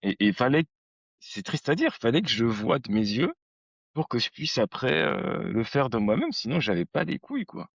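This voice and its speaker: A man's voice: mid-range voice, very animated, moderate pace, gravelly, husky, no room sound, dull audio. A man in his thirties hosting a podcast, chatting casually in a slangy, rambling storytelling way. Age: 30s. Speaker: podcast host. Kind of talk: casual conversation.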